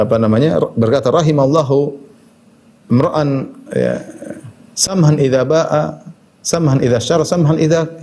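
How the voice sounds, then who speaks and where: This Islamic preacher, a man with a slightly high, warm voice, delivers a religious lecture in a conversational way. He often drops in "ya" as a filler and quotes Arabic hadith.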